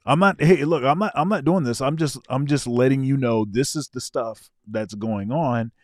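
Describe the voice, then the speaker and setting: A man's voice: medium pitch, a little mellow, no echo, clean studio sound. A man co-hosting a casual reaction show, talking things through and often repeating his words as he explains. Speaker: co-host.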